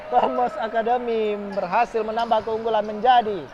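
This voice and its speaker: A man gives informal, excitable amateur live sports commentary on futsal, drawing out his calls. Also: high voice, a faint crowd. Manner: informal, drawn-out calls on big moments. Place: at a futsal court. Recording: muffled, noisy sports hall ambience.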